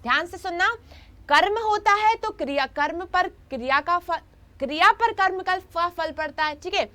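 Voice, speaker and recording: A woman's voice: very high-pitched, normal speed, sharp tone. A woman teaching a grammar lesson in an online class, repeating her points and often checking in with her students.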